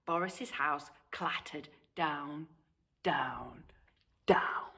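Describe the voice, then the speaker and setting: Speaking very slowly in a low, sharp-toned voice, a British woman who tells stories at a primary school reads a children's tale with animation. She breaks off at times to put questions to the young listeners.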